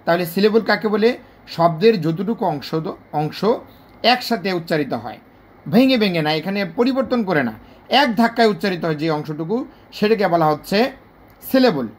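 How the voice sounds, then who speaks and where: Speaking at a medium pitch with plenty of expression, this English teacher has a Bangladeshi Bengali accent and is giving a video lesson. Points get repeated patiently, and example words are stretched out syllable by syllable.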